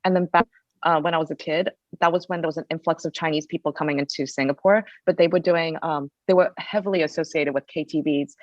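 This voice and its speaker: A woman's voice: deep voice, fairly even intonation, fast talker, no room sound, muffled recording. A woman hosting a podcast, asking questions in conversational chat and often ending with "right?". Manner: conversational, frequent "right?" tags. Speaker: podcast host. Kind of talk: casual interview chat.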